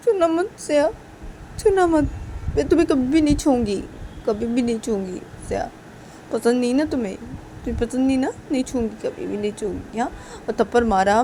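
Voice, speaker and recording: A woman voicing a young woman who is deeply hurt and furious at her partner, speaking in a tearful, repetitive voice that keeps rising. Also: a little mellow, a little hiss or hum, close to an everyday voice.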